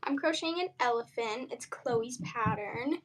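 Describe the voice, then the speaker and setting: A woman who sells her crochet work, chatting casually as a guest on a livestream with short, soft replies. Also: a little high, animated, normal speed. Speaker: crochet seller and stream guest.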